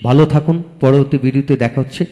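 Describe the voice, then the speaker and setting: A man teaching an English lesson on video, slowly repeating each word twice. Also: mid-range voice, fairly even intonation, warm tone, big-room sound. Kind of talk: video lecture.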